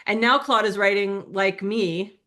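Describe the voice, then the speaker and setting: A woman's voice: mid-range voice, steady tone, measured pace, pushed and bright. A woman speaking as a guest in a casual interview, chatty and full of little fillers.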